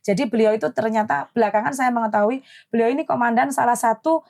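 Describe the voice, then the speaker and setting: A woman, a mother telling her story as a podcast guest, indignant and animated. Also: on the high side, fast talker, gravelly. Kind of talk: emotional storytelling in a podcast interview.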